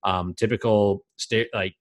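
A man in his late twenties talks loosely on a podcast, drifting from thought to thought and laughing often. His voice sits a bit low. The sound is dry and close to the mic. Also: steady tone, measured pace, no room sound, lo-fi sound. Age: late 20s. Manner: rambling, lots of "like" fillers, laughs easily. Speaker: podcast co-host. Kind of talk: casual chat.

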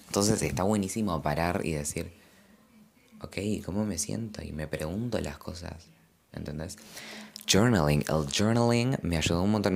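Deep gravelly young Argentine man. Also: darkish tone. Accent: Rioplatense Spanish. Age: young adult. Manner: rambling, reflective, uses slang and filler; gestures and moves while talking. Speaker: podcast host. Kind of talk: casual confessional monologue.

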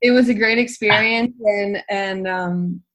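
A young woman recounting a travel tale in a loose, chatty way. Her talk is packed with "like" and "um" as she rambles through the story. Her pitch sits in the middle range. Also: unhurried. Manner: rambling, full of "like" and "um", lively. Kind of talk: casual storytelling in conversation.

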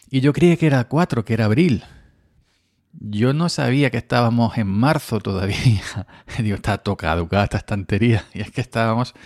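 Low, gravelly Andalusian man rambling. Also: no room sound, studio quality. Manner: rambling, with frequent restarts and chuckles. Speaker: podcaster. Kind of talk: casual monologue.

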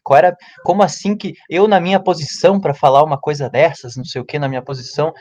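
A man, telling a story in casual podcast chat and acting out quotes in a loud, high voice. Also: steady tone, fast talker, dull audio. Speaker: podcast co-host.

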